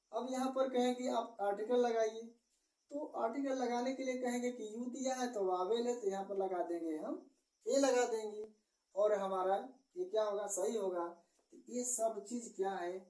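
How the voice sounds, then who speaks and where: Slow-talking woman teacher, echoey room. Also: mid-range voice, darkish tone, distant mic. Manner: slow, explanatory, asks and answers own questions. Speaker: grammar teacher. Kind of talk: exam-prep grammar lesson. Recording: echoey room, voice away from the mic.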